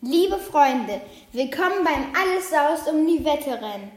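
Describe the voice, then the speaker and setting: Woman playing a friendly owl announcing the race, high voice, echoey. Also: lively intonation, unhurried. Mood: welcoming. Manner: welcoming announcer tone. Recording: roomy echo.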